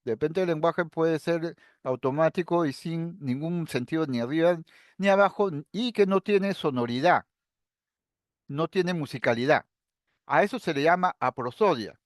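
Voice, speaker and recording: A middle-aged man with a high voice gives a lecture. He explains things calmly, point by point, and often turns to his students. The sound is dry and close, with no room echo. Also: normal speed. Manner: explains calmly and step by step, addressing students directly. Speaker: psychiatry lecturer. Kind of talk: recorded lecture.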